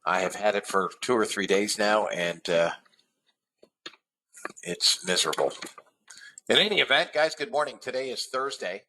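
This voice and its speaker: A man leads a live trading webinar in a lowish voice that sounds pushed and bright, moving at a moderate pace but pausing often. Congested and nasal from a cold, he rambles, stumbling over "uh" and starting sentences over.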